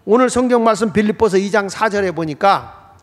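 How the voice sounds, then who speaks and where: A man's voice: high voice, expressive, fairly quick. A male pastor preaching a sermon in a storytelling style, with rhetorical questions to the congregation. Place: church sanctuary. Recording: reverberant church hall.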